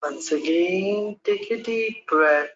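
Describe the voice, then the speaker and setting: A speaker guiding a meditation with calm, measured breathing instructions. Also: mid-range voice. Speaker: meditation guide. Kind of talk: guided meditation script. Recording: dull lo-fi recording.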